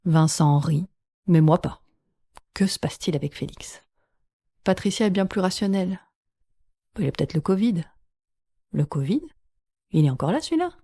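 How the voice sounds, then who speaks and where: A middle-aged woman from France narrating family stories for her grandchildren in a lively, animated way. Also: lowish voice, moderate pace, long pauses, slightly rough, no echo, clean studio sound. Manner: lively, animated retelling with quoted voices. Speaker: podcast host. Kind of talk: storytelling podcast narration.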